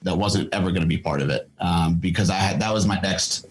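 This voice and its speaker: A middle-aged man with a somewhat low voice talks casually as a podcast guest. He thinks out loud, with frequent fillers and restarts. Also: brisk, low-quality recording. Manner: thoughtful, lots of fillers and restarts. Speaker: podcast guest, fitness company founder. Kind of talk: casual interview talk.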